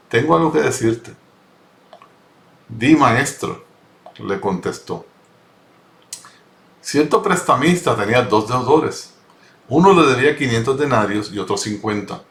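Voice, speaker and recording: A man's voice: mid-range voice, fairly bright tone. A man teaching a Bible study, reading scripture and explaining it earnestly, often repeating and rephrasing his words. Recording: roomy echo.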